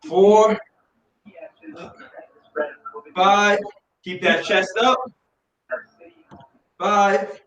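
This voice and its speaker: A man coaching like an aerobics instructor, counting reps, calling out exercises and shouting encouragement. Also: high voice, steady tone, extremely slow, long pauses. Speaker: fitness coach. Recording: echoey room, distant mic, faint noise.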